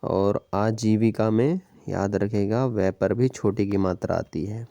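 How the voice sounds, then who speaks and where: Male tutor, low mellow voice, exam-prep language lesson, steady explanatory delivery with frequent check-ins. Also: slow, gravelly, dry recording. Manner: explains step by step, repeats "ठीक है" and "याद रखिएगा". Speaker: teacher.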